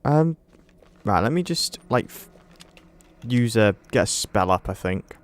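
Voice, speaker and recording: Man reading game text haltingly. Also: lowish voice, lively intonation. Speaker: let's play gamer. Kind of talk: casual gameplay commentary.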